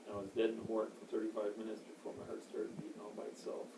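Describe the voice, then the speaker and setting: A boastful man in his sixties tells rambling stories in a casual interview. His voice is low and gravelly. He sounds far from the microphone, with a roomy echo and steady background noise. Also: very fast. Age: 60s. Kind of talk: casual chat. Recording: echoey, distant, noisy amateur recording.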